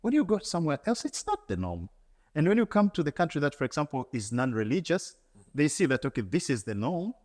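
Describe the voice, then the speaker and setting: A man's voice: on the high side, big pitch swings, a little fast, darkish tone. Earnest man in a reverberant hall. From Tanzania. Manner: earnest, repeats words and restarts often. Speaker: interview guest, engineer. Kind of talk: reflective conversational answer.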